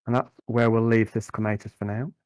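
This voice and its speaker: A man narrating a tabletop game as game master, improvising in a conversational, halting way and often repeating words. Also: lowish voice, little pitch movement, a little mellow, no echo.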